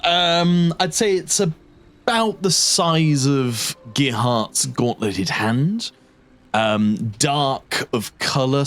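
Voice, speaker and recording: A man narrating a tabletop role-playing game as game master, describing scenes deliberately and sometimes correcting himself. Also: mid-range voice, fairly bright tone.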